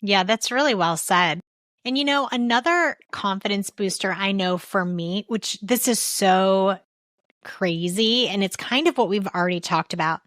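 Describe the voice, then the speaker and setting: A woman's voice: mid-range voice, a little slow, a bit bright, dry recording, clean studio sound. A woman hosting a podcast interview who talks in a chatty way and stops to search for her words. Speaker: podcast host.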